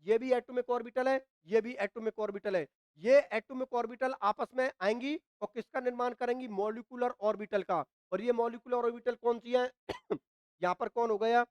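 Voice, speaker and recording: A man's voice: extremely high pitch, fairly even intonation, fairly quick, smooth, no echo, dull audio. A male chemistry teacher with a Hindi accent, lecturing at a board with a dry throat and coughs. He asks his students questions, answers them himself and keeps checking in with them. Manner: repeats points, often says "ठीक है ना". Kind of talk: classroom lecture at a whiteboard.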